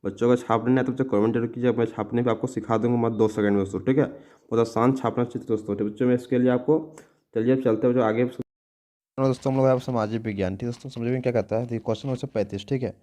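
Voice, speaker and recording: A man explains exam answers to schoolchildren at a rapid clip, his voice sitting at an ordinary middle pitch. He tacks "okay" onto nearly every sentence and often breaks off and restarts words as he reads the questions out. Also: fairly even intonation, warm tone. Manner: fast, repetitive, calls listeners "friends" and "children"; stumbles and restarts words while reading questions. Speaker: teacher. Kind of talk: exam solution lesson.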